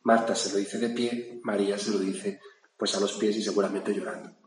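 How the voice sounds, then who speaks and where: A man's voice: lowish voice, fairly even intonation, normal speed. A man from preaching a reflective gospel sermon, in a conversational manner with little asides to his listeners. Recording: echoey hall with faint room noise.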